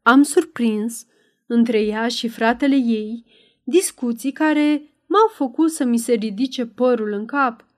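A woman's voice: on the high side, natural voice. A woman voicing a timid old servant. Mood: earnest, wary. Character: timid old male servant, wary and earnest. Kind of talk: audiobook character voice.

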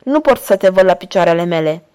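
A woman's voice: fairly low pitch, lively intonation, warm tone, smooth, natural voice. Borgia, a woman reading an old lustful pope. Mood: soothing.

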